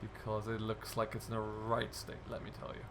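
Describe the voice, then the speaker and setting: Clear vehicle noise from in-game tractors and loaders sits behind a British man hosting a farming simulator role play stream. His voice is on the low side and a little fast, with a completely flat delivery, as he muses aloud in casual, explanatory commentary.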